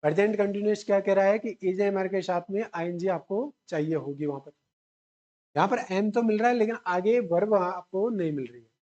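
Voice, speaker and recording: A man's voice: high-pitched, fairly quick, a little mellow, highs cut off. A male teacher explains grammar rules at a classroom whiteboard in an exam-prep lecture. He keeps posing questions and answering them himself, repeating each key term as he drills the class. He weaves English grammar words into his explanation. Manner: mixes English grammar terms into Hindi explanation.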